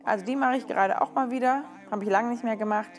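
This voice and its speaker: A woman's voice: on the high side, fast, soft background music. Upbeat woman explaining her gym routine. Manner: upbeat and chatty, explains each exercise step by step. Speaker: fitness vlogger.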